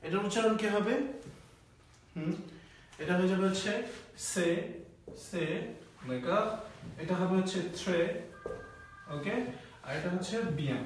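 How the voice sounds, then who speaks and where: A man's voice: sits high, measured pace, long pauses, very echoey, far from the mic, slight background noise. A man teaching French in a live online class, explaining pronunciation step by step and often saying "voilà".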